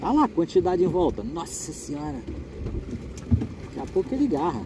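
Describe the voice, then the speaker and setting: Middle-aged male fishing host, lively up-and-down talk, joking chatter, action camera on an open boat, clear wind and water noise. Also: high voice, fairly quick. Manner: relaxed, joking, narrates each catch. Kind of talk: casual chat while fishing. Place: small open boat on the sea by a rocky coast, outdoors.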